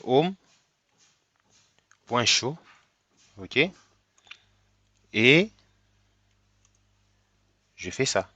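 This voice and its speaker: In this screen-recorded coding tutorial, a man who has a cold teaches slowly, one step at a time, frequently asking "ok?". His voice sits on the low side and sounds bright and forceful, with no echo.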